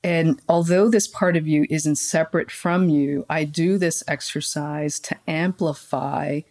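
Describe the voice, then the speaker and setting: A woman guest on a podcast, talking in a calm, flowing way about spiritual practice and gently guiding listeners through a meditation. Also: deep voice, a little slow. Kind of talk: conversational podcast interview.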